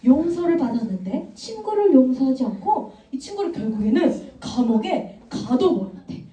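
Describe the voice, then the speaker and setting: A woman evangelist giving an animated children's sermon and quizzing the kids. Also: sits high, moderate pace. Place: church room. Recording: echoey room, mic far off.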